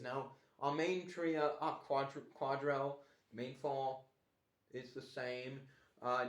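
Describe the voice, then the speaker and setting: A man casually reviewing a cartoon show in a put-on Australian accent, rambling and restarting his sentences. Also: mid-range voice. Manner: rambling with restarts, mock-complaining. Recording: echoey room.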